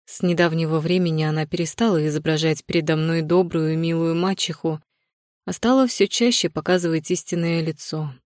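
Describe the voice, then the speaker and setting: A woman with a fairly low voice reads a first-person fantasy audiobook. Her delivery stays composed and even. The recording is dry and close, with no room sound. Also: a little fast, dry recording. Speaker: audiobook narrator.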